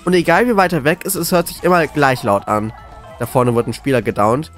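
A man commentating live on a horror game as a scared, jittery streamer, excitable and often repeating words. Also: mid-range voice, brisk, soft background music. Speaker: gaming video creator.

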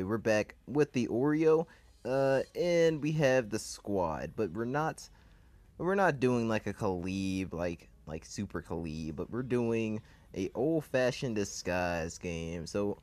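A young man casually commentating a game, rambling and excitable with crude jokes. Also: on the low side. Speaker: gameplay commentator.

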